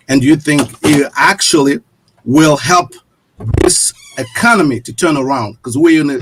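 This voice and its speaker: A middle-aged man hosting a panel interview, halting and repeating words. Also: medium pitch, husky. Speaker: host.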